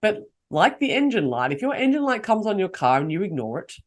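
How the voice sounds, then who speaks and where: A woman's voice: mid-range voice, big pitch swings, fairly quick. A woman hosting a solo podcast, coaching her listeners and asking them rhetorical questions. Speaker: podcast host.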